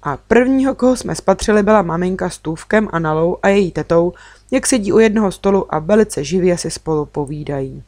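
A woman reads a children's story aloud in the first person, with an even, storytelling pace. Her voice sits on the lower side and comes across close and dry, with no room sound around it. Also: dry recording. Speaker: audiobook reader. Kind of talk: children's audiobook narration.

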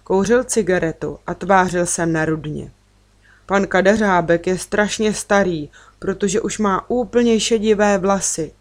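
A woman narrating a children's story gently, lifting her voice for the children's lines. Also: mid-range voice. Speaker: audiobook reader.

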